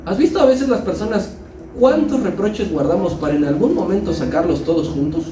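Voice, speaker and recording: A man's voice: high-pitched, expressive, brisk, warm tone, roomy sound, far from the mic, faint music behind, low-quality recording. A man preaching a sermon as pastor, building emphasis and acting out quotes.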